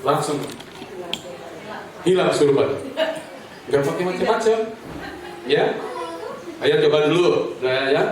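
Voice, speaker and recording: A man's voice: on the high side, lively intonation, takes it slowly, long pauses. Joking preacher man, echoey and distant. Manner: jokey storyteller who addresses the audience directly and leads them in recitation. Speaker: Islamic preacher. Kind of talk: humorous sermon at a community gathering. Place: home gathering with an audience. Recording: very echoey, distant mic, crowd audible.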